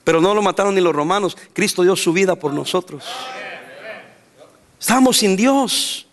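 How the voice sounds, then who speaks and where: Salvadoran pastor, man, very high voice, emphatic church sermon with bursts of laughter. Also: expressive, moderate pace. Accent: Salvadoran Spanish. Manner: emphatic preaching, mixes laughter and sudden loud outbursts.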